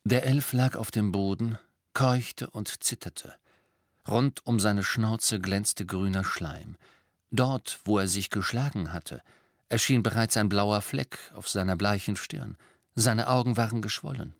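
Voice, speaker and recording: A man narrating a story in a measured, expressive way. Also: fairly low pitch, creaky, no room sound, studio quality. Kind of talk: audiobook narration.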